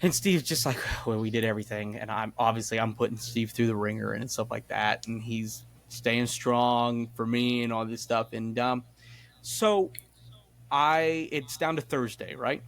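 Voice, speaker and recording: A young man from Florida, a guest telling a story casually, animated and acting out the people in it. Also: medium pitch, normal speed, dry recording. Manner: animated, acts out voices in his stories. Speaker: guest, concert promoter.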